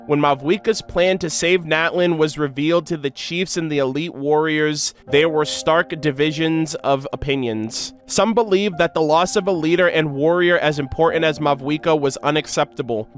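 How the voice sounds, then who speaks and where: A man with a somewhat high voice streams his reaction to a game's lore. He reads the story text aloud and chimes in casually, emotive and full of slang.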